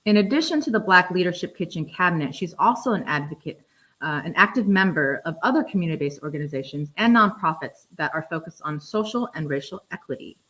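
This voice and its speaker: A woman's voice: lowish voice, animated, fast, a bit bright, poor audio. A woman hosting a live online talk show, introducing a guest in a friendly way with plenty of fillers. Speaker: host. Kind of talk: livestream hosting.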